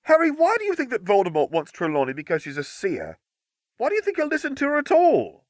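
A man voicing an exasperated, clever teenage witch in a storybook reading, in a high, breathy, sharp voice. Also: wildly swooping pitch, quick pace, dry recording, studio quality, full character voice. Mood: probing.

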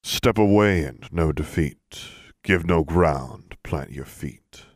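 A man voicing a very old male wizard with a deep, resonant voice in an audiobook, speaking in a slow, low, rhythmic chant. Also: dry recording, clean studio sound, heavily acted. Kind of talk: audiobook character voice.

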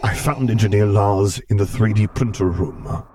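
A man voicing a menacing masked dark lord who speaks in a clipped tone of restrained fury through a vocoder. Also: deep voice, animated, slow.

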